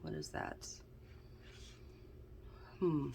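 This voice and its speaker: A woman hosts a casual tarot card reading, speaking extremely slowly and thinking aloud in a chatty way. She sounds a little snuffly and stuffed-up, and the recording is very noisy. She is the channel's tarot reader.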